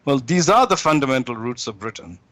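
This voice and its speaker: A man gives long, deliberate commentary as a guest, pausing now and then to gather his words. His voice sits in an ordinary middle register. The sound is close and dry, with no room around it. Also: medium pitch, very animated, fairly bright tone, dry recording. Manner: measured, deliberate, with frequent hesitations. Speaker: interview guest. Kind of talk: lecturing commentary.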